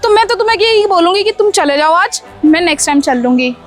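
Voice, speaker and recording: A sharp-tongued young wife in a cartoon story, voiced by a woman, scolding and brushing off every request. Her voice sits very high, and soft music hums in the background. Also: animated, fast. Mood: irritated. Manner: scolding, dismissive, full of excuses. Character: scheming young wife, bossy and evasive. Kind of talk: Hindi cartoon story dubbing.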